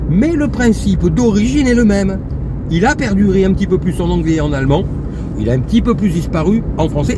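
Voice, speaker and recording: A man teaching pronunciation in a careful lesson, explaining deliberately and stretching out example words. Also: high voice, background noise. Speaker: language teacher.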